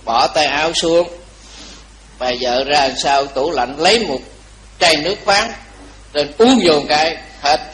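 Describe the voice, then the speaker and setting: A man's voice: on the high side, measured pace, pauses often, a crowd in the background, low-quality recording. A man, a Buddhist monk giving a dharma talk, telling a story animatedly and teasing his audience with questions.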